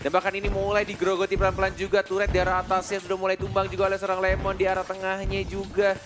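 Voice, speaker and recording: A male esports shoutcaster with an Indonesian accent and a high voice. He calls the action like an excited fighting game announcer, exclaiming and stretching out his calls. Music plays clearly behind him. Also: very fast. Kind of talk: live play-by-play game commentary, like a fighting game announcer.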